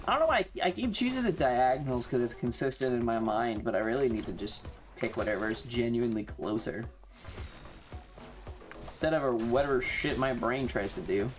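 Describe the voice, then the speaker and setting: A woman with a bass voice live-streams a video game, chatting casually with slangy, sweary exclamations. She talks a little fast, with faint music behind her.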